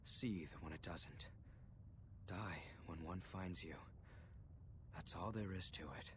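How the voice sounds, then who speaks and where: An actor playing a carefree, battle-loving swordsman from a video game, speaking in a breathy near-whisper. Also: deep voice, slow pace, a bit bright, slight background noise.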